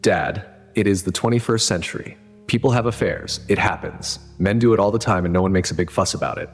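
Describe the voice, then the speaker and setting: Condescending young adult daughter, voiced by a deep-voiced male narrator. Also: brisk, husky, big-room sound, soft background music.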